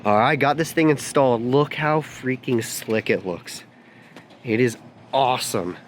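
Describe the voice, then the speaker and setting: Upbeat male vlogger, casual slangy delivery, garage recording with clear background noise and shifting mic distance. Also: medium pitch, measured pace. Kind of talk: casual product review and install walkthrough.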